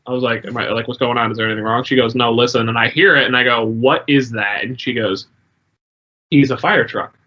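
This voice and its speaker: A man co-hosting a podcast, telling stories in animated, casual chat and swearing freely. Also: medium pitch, brisk, lo-fi sound. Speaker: podcast co-host.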